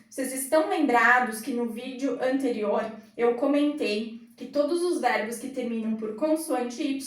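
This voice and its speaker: A woman teaching English grammar in a classroom, explaining patiently at a whiteboard. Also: on the high side. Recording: roomy echo, mic far off.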